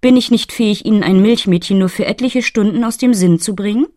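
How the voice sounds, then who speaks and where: A woman's voice: medium pitch, fairly quick, warm tone, no echo, studio quality, voice pushed up, close to an everyday voice. A woman voicing a coy, flirtatious female fairy who talks around things in an audiobook. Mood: teasing. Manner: coy, roundabout, fussing. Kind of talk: audiobook reading.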